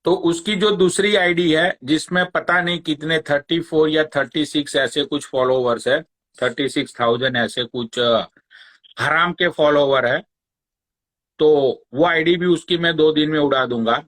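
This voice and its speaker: A man's voice: on the high side, measured pace, a bit bright. A man hosting a live stream, ranting sarcastically and taunting a rival, swearing often. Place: Long Island, New York.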